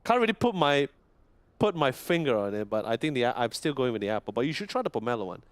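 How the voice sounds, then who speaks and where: A man's voice: mid-range voice, sing-song, quick pace, dry recording. A young man casting an esports event, chatting casually and laughing often. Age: young adult. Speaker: esports caster. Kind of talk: casual caster banter.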